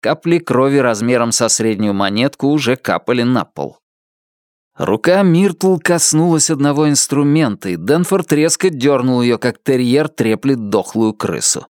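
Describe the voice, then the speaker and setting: Man reading a tense audiobook, animated. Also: mid-range voice, unhurried, no echo, clean studio sound. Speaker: audiobook narrator.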